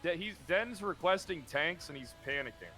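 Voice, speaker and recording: A man's voice: fairly high pitch, expressive, normal speed, pushed and bright, faint music behind. A man playing a police officer in a roleplay game, talking hesitantly with many fillers and restarts. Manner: hesitant, stammering, filler-heavy talk. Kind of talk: casual in-character roleplay chat.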